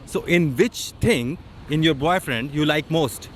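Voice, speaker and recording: Male vlogger, friendly street interviewer, slightly high voice, faint traffic behind. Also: very slow. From Pakistan. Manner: friendly, chatty, eager questioner. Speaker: travel vlogger interviewing people. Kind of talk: casual street interview and chat. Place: outdoors by a beach in a city.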